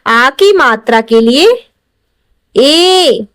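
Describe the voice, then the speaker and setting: Taking it slowly, a high-pitched woman teaching English walks through spelling step by step, patiently explaining each word and repeating and lengthening its syllables. No echo is present.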